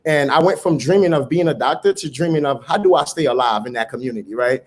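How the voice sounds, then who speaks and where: Fast-talking earnest man from Haiti. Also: fairly high pitch. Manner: earnest, motivational, occasional repeated words. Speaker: startup founder, guest. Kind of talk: conversational interview.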